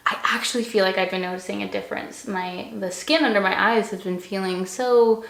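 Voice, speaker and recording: A woman's voice: mid-range voice, steady tone, fairly quick, creaky, a bit bright, roomy sound, low-quality recording. A woman talking casually and effusively to her viewers as a vlogger. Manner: effusive, gushing, conversational. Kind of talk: casual chatty skincare vlog.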